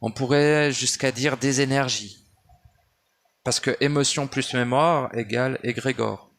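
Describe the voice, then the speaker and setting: A man speaks in a medium-pitched, steady, slightly bright voice at a measured pace, delivering a loose spiritual monologue from home. He keeps digressing and restarting with plenty of fillers, using "tu" for the listener, on a handheld phone or basic mic.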